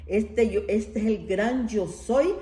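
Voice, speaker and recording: Warm-voiced woman preaching in an echoey room. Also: medium pitch, slow pace. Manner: conversational preaching, often checks in with a questioning tag. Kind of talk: sermon.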